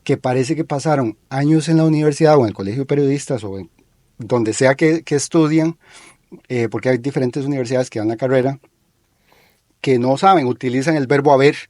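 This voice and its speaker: A man with a Costa Rican accent hosting a talk show, giving critical opinions in an analytical way and pausing often with fillers. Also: medium pitch, a little mellow, dry recording. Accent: Costa Rican Spanish. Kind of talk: critical discussion.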